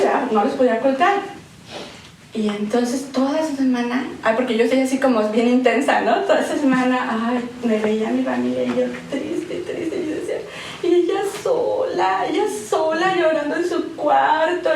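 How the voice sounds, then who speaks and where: A woman's voice: sits high, far from the mic, slight background noise. Emotional woman preaching in an echoey hall. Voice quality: animated, swings between loud emphasis and soft emotional tones. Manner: conversational, tag questions, repeats words for emphasis. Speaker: guest speaker at a women's church session. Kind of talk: sermon with personal testimony. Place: church hall. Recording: echoey hall, speaker away from the mic.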